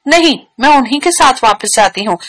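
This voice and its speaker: A hurt young woman who answers with bitter reproach, read by a woman narrator. Her voice is fairly high and moves through a wide, lively pitch range, as in a spoken storybook. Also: fairly quick, low-quality recording. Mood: reproachful.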